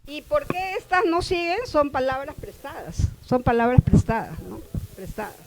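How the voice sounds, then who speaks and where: A woman teaching a workshop class, who keeps checking in with the listeners and repeats example words slowly. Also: high-pitched, poor audio. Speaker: workshop instructor. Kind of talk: classroom explanation.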